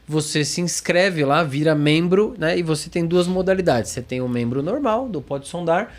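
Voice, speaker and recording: Higher-voiced man hosting. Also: animated, moderate pace. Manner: conversational, frequent tag questions. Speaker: podcast host. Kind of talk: casual podcast chat.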